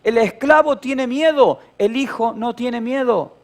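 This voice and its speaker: A man's voice: very high voice, unhurried. A middle-aged man with a Rioplatense Spanish accent, preaching a sermon as pastor and telling a childhood story with playful humor and acted-out voices.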